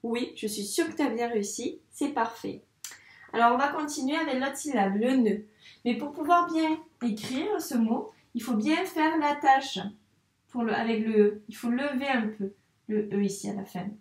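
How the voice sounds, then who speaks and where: Encouraging teacher in an echoey room. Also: female voice, a little high. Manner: slow, encouraging, talks to the child directly. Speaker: primary school teacher. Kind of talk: handwriting lesson for young children. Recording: echoey room, voice a bit far from the mic.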